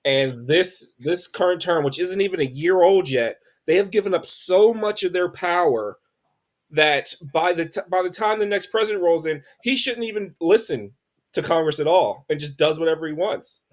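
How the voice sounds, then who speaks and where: A man's voice: high voice, expressive, moderate pace. A man co-hosting a podcast, ranting earnestly about politics in casual chat, with frequent restarts. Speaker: podcast co-host.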